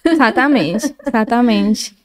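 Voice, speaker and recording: In a laid-back interview, a Colombian woman speaking with a Spanish accent talks earnestly as a guest and frequently starts her phrases over. She has a slightly high voice and a measured pace.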